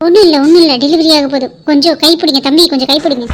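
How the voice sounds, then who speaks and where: A woman's voice: high-pitched, steady tone, rapid-fire, noisy background, natural voice. A woman doing a fussing cartoon sister-in-law. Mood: soothing. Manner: soothing yet scolding. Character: fussing elder sister-in-law, coaxing and scolding.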